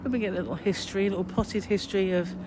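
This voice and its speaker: A woman's voice: mid-range voice, fairly even intonation, rapid-fire. British lady doing a travel vlog outside, chatty rambly sightseeing talk, noisy background. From Britain. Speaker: travel vlogger. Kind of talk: casual rambling sightseeing narration. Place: outdoors on a city street. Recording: noisy outdoor city recording.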